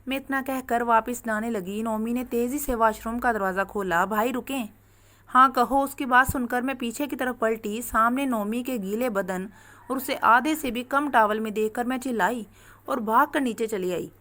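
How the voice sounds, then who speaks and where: Woman, storyteller, first-person narration, earnest, steady, fairly high voice. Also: normal speed.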